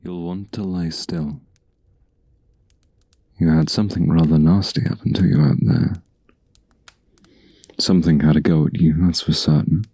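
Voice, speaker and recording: With a steady tone and no echo, a man voices a caring huntsman guardian in a quiet, intimate ASMR fantasy roleplay. His low voice is gravelly and breathy, and his slow, old-fashioned wording feels soothing, calm and reassuring.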